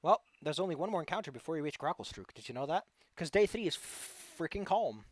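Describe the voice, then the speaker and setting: A man's voice: fairly high pitch, very animated, a little fast, dry recording. A man narrating casually as game master of a tabletop game, with a playful, teasing manner.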